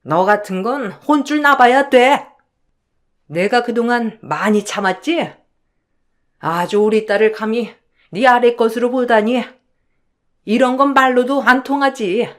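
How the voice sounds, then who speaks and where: A woman's voice: on the high side, measured pace, pauses often, a bit bright. A woman voicing an older, domineering mother-in-law who scolds and threatens in a radio-drama story. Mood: furious scolding.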